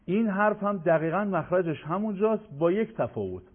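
A man teaching Quran recitation on a radio lesson, explaining step by step and drawing out sounds slowly to demonstrate them. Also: high voice, expressive. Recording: phone-like radio broadcast.

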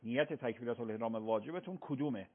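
A man, a cleric, patiently explaining religious rulings on a radio call-in show, often affirming with repeated yeses. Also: mid-range voice. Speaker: cleric answering religious questions. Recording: phone-like radio broadcast sound.

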